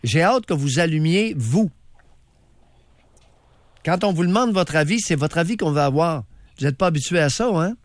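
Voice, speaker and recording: A man's voice: a little high, animated, moderate pace, pauses often, dry recording. A male radio host with a Québécois French accent, bluntly and sarcastically probing a caller. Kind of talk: call-in radio show.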